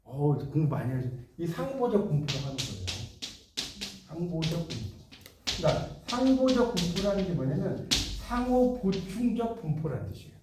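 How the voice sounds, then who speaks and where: A man's voice: on the high side, sing-song, normal speed, background noise. A middle-aged man giving a lecture on Korean spelling, explaining patiently and checking in with his students through questions. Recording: echoey room from a distance.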